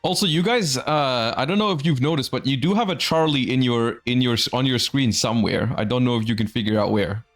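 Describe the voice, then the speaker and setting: A man's voice: mid-range voice, brisk, hardly any pauses, faint music behind. A man hosting and commentating a live card game tournament in a conversational, explanatory announcer manner.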